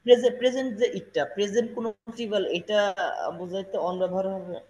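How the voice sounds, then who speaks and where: A man's voice: high-pitched, fast, warm tone. A man with a Bangladeshi accent, a student answering his teacher's questions hesitantly in class. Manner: hesitant, many fillers.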